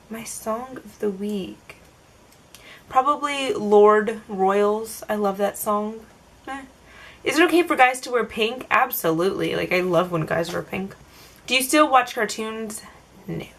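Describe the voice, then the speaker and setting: A young woman talks straight to her camera, working through a list of tag questions. She rambles and fills her answers with "like" and "um", in a voice of middling pitch. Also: gravelly, a bit bright. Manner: chatty, filler-heavy, self-answering rambles. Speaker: vlogger. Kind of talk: casual tag-video Q&A.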